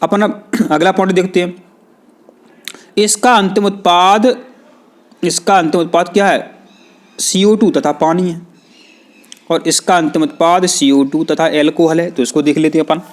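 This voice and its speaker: A man's voice: high-pitched, fairly even intonation, moderate pace, long pauses. A man teaching a science lesson, who keeps putting questions to his students and answering them himself. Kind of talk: classroom explanation.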